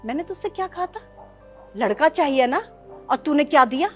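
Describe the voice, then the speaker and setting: A woman playing a bitter, contemptuous grandmother and mother-in-law who scolds her family with sharp commands, in a family short film. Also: sits high, expressive, normal speed, soft background music. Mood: scolding. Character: harsh, bitter grandmother who scorns girls.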